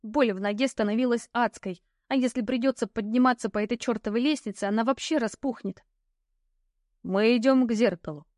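A woman narrating a fantasy audiobook in the first person, with lively, ironic storytelling. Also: a little high, fast, hardly any pauses, no echo, studio quality.

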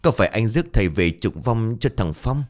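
A man's voice: fairly low pitch, animated, brisk, close to an everyday voice. A man voicing an anxious middle-aged village mother, pleading and tearful. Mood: worried.

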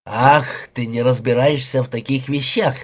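Audiobook: man reading a sneering, raging young husband with a husky voice. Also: medium pitch, steady tone, moderate pace, lightly acted. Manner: sneering, explosive. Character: young jealous husband, furious and insulting.

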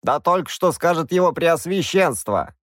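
A fussy old court wizard, as a male narrator voices him, hesitant and cautious, his voice raised a little above the narrator's and jumping around lively. Recorded dry and close. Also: on the high side, moderate pace, no echo, pitched above the performer's own voice, natural voice.

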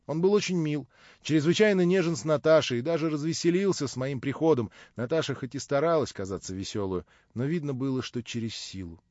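A man reading a classic novel aloud in first person, measured and subdued, with a fairly high voice. The recording is dry and somewhat dull. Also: darkish tone, no room sound. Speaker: audiobook narrator. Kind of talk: first-person literary narration.

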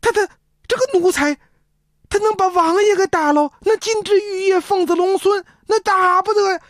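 A woman voicing a shrewd male chancellor who puts on loud, theatrical alarm. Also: mid-range voice, big pitch swings, moderate pace, no echo, studio quality.

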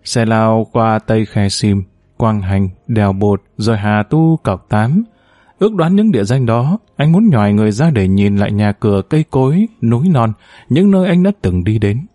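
A man narrating a story aloud in a measured, expressive audiobook style. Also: fairly low pitch, no room sound.

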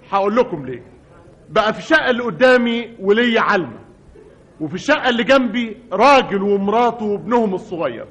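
A man's voice: extremely high pitch, fairly bright tone, slightly rough. A man narrating a comic monologue in an exasperated, mock-dramatic way on an old radio recording.

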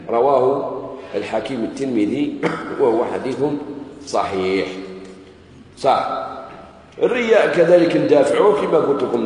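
A man with an Algerian Arabic accent giving a sermon lesson, animated and acting out quoted voices. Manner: animated, acts out quoted voices, rising to high pitch when exclaiming. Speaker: preacher. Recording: echoey hall with long reverb.

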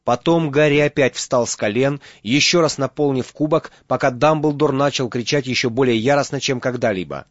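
A man reading an audiobook as narrator, in steady dramatic storytelling. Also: mid-range voice, moderate pace, few pauses, dry recording, dull audio. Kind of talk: scripted narration.

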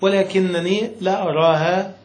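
A man's voice: high voice, fairly even intonation, normal speed. A man teaching Arabic grammar from a classic text, reading passages aloud and often asking if he is understood. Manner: checks understanding with frequent questions; reads passages aloud then explains them. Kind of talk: explaining a grammar text to a student. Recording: echoey room with faint noise.

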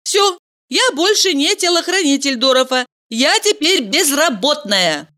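A woman's voice: high voice, sing-song, measured pace, bright, forceful tone, pitched above the performer's own voice, heavily acted. A woman voicing a cheerful, playful young heroine in a bubbly, chirpy, exclamatory way.

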